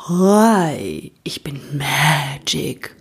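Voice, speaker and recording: A woman voicing a cocky male unicorn who talks in teen slang and claims a deep crooner's bass. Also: expressive, slow pace, darkish tone, exaggerated voice. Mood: swaggering. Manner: slangy, swaggering.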